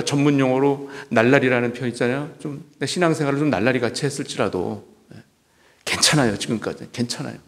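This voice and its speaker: A male pastor preaching a sermon, repeating key phrases and asking the congregation rhetorical questions. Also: medium pitch. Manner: asks the congregation rhetorical questions, emphatic repetition. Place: church sanctuary. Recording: long hall reverb.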